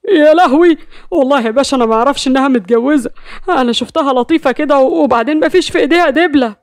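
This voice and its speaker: A woman's voice: sits high, rapid-fire, no echo, clean studio sound. A woman voicing a shy, nervous man who stammers and pleads, with an Egyptian accent. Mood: pleading. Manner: hesitant, pleading. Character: bashful, frightened male suitor.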